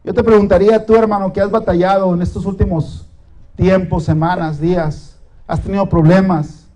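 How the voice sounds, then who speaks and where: A male pastor with a notably high voice, preaching a sermon. He builds with dramatic pauses and repeated phrases. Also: fairly even intonation, mellow, low-quality recording.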